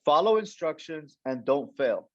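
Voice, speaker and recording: A young man tells his story in a lively, animated way and slips into the voices of the people in it. His voice is dry and close with a slightly dull, muffled tone. He talks in a casual interview style. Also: a little high, unhurried, dry recording. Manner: animated storyteller, acts out quoted dialogue, many restarts. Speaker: entrepreneur coach, guest.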